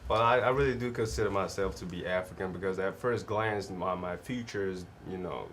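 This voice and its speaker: A man's voice: low-pitched, a little fast, fairly bright tone, a little hiss or hum. A young man, speaking as a talk show guest, thoughtful and hesitant, with many fillers. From the Gambia. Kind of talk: casual talk show conversation.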